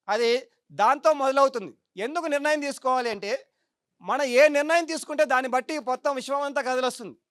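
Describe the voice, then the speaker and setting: A woman's voice: fairly high pitch, clean tone, dry recording, studio quality. A middle-aged woman meditation teacher giving a spiritual talk to a live audience, emphatic and full of rhetorical questions.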